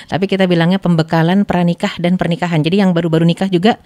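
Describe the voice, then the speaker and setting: Lower-voiced woman telling stories animatedly. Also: quick pace. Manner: animated storyteller quoting dialogue. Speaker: religious teacher guest. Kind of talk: podcast storytelling on religion.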